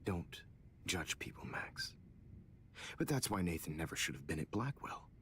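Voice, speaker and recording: An actor playing a middle-aged photography teacher turned killer in a video game, giving a slow, condescending villain monologue with breathy, hushed phrase endings. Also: male voice, sits low, sing-song, slight background noise. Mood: taunting. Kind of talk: dramatic video game voice acting.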